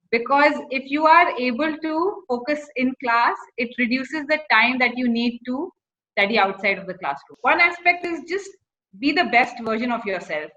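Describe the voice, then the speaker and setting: A corporate recruiter with an Indian accent gives informal career advice, slipping Hindi phrases into her English. Her fairly high voice is very bright with a crisp edge, though the audio itself is a bit dull and lo-fi.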